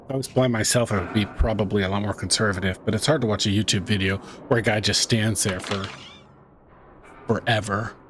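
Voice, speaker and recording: A gaming YouTuber gives tense let's-play commentary on a horror game, muttering under his breath to himself and the viewer. His voice is on the low side, brisk and fairly even in intonation, with background noise.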